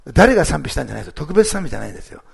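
A man's voice: fairly high pitch, big pitch swings, racing, creaky, husky. A male pastor giving a sermon, telling a testimony story in a chatty way with frequent tags to the congregation. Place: church service streamed online.

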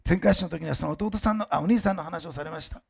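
An older male pastor giving a sermon with a personal testimony, talking fast and emphatically with chatty asides and restarts, and admitting his diction has slurred lately. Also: fairly high pitch, gravelly, slightly rough.

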